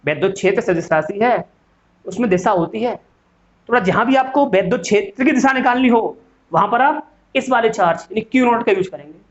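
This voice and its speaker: A man's voice: sits high, lively intonation, brisk. A man gives a classroom physics lecture, often asking a question and answering it himself. The recording is dull and lo-fi. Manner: asks and answers his own questions, calls students "beta". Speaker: physics teacher. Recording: dull lo-fi sound.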